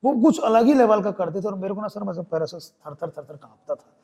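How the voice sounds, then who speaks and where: A man's voice: sits high, lively intonation, fairly quick, vocal fry, warm tone, dull audio. A young man from Chhattisgarh with a Chhattisgarhi Hindi accent, a theatre artist telling his story in a podcast interview and acting out the voices of the people in it.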